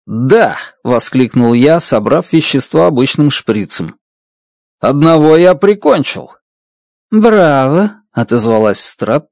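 A man reading a first-person story as an audiobook narrator, lively and expressive. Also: medium pitch, no echo, studio quality.

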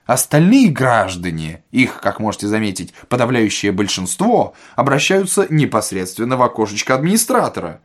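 A man doing Ostap Bender, a slow ironic swindler. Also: medium pitch, sing-song. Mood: mocking. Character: smooth confident swindler, young man, mocking. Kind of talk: audiobook character voice.

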